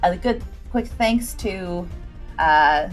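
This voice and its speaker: Her voice sits on the low side and moves very slowly over faint music, and the recording is rough. Still, the livestream host stays bubbly and playful, tossing out folksy greetings and phrases and sing-song mutters.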